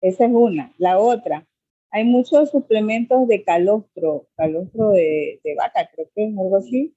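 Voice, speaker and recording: Una mujer ecuatoriana con acento de su país que hace preguntas por videollamada, alegre y con risitas. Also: female voice, medium pitch, expressive, moderate pace, warm tone, no room sound. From Ecuador. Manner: cheerful, giggly. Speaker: caller asking a question. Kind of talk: casual question on a video call. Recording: dull, dry video call audio.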